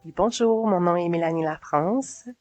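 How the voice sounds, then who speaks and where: A woman in her forties from Quebec with a Québécois accent, telling her story as a podcast guest in a relaxed, hesitant way. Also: on the low side, unhurried, faint music behind. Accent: Québécois French. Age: 40s. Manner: relaxed, hesitant with frequent "euh". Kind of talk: casual storytelling.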